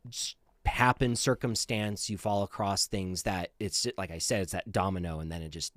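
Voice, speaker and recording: Male guest, low voice, stop-start delivery, dry recording. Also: steady tone, fairly bright tone, no room sound. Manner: halting, many restarts and fillers. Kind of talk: casual conversational interview.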